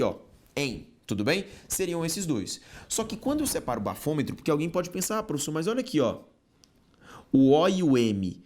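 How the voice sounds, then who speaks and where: Animated Brazilian man teaching grammar. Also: on the high side. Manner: animated, addresses students directly with frequent check-ins. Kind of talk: exam-prep grammar lesson. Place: online course studio.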